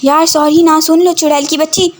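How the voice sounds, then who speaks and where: A woman reading the part of a teasing young male student in a homemade audio story, pestering and cheeky. His voice stays high and light, as the narrator keeps close to her own voice. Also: level tone, brisk, lightly acted.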